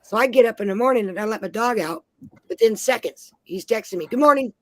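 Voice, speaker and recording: A woman's voice: medium pitch, fairly quick, dry recording. A woman from Minnesota on a panel, telling blunt, heavily profane stories in casual chat. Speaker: panel guest.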